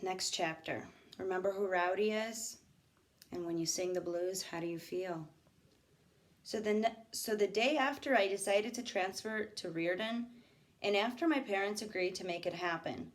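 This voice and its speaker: Reading a novel to her class, a woman teacher performs it with expression and breaks off for occasional comments to the students. She speaks in a mid-range voice.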